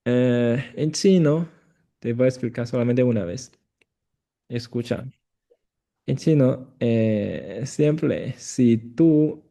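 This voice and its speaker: Slow, gravelly-voiced male Chinese tutor. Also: mid-range voice. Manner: slow, repeats phrases, gentle corrections. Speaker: Chinese teacher. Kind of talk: patient one-on-one language lesson.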